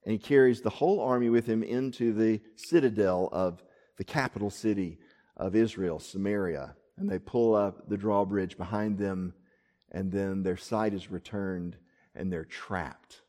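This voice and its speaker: A man preaching a sermon, telling a Bible story with lively acted-out voices for the figures. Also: on the low side, unhurried, long reverb tail. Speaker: pastor.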